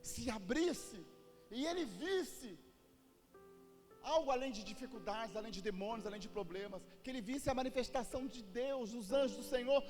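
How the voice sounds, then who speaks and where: A man's voice: very high-pitched, fast talker, hardly any pauses. A Brazilian man preaching a sermon, telling a Bible story and having the congregation repeat phrases. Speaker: pastor. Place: church sanctuary. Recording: reverberant church hall with music.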